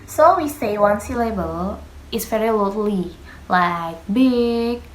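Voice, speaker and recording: A young female student presents a lesson on pronunciation, slowly and hesitantly, stopping often for fillers. She speaks Indonesian as her first language, and her English has small grammar slips. Her voice sits at a middle pitch in an echoey room. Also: expressive, a little hiss or hum. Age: young adult.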